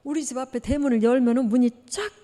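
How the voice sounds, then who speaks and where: A woman missionary preaching a testimony sermon, telling her story in an animated way and acting out the dialogue. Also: high voice, fast. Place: church sanctuary. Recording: long reverb of a church hall.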